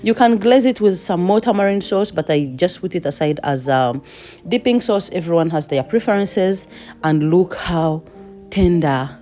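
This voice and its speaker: A woman's voice: fairly low pitch, lively intonation, normal speed, warm tone, faint music behind. A woman home cook giving a chatty cooking voice-over with playful asides.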